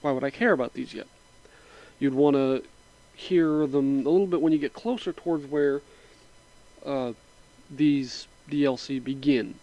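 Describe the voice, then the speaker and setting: In a lo-fi recording, a man of medium pitch rambles easily through a computer setup for a mod tutorial. His sinus cold gives him a slight rasp. Unhurried and relaxed, he pads the casual screen-capture walkthrough with constant fillers and asides as he moves between steps.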